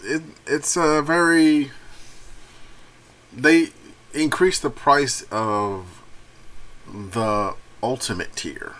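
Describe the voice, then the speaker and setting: Bright, gravelly-voiced young man, lively. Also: mid-range voice. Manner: laughs often and rambles with restarts. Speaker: gaming news channel host. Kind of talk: casual commentary, reading a news article aloud.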